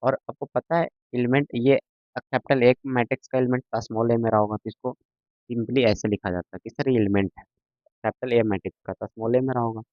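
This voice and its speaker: A man's voice: mid-range voice, steady tone, a little fast, dry recording. A man teaching a maths lesson to a class, patient and repetitive, often checking that students follow. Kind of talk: classroom lecture. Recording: dull lo-fi sound, dry.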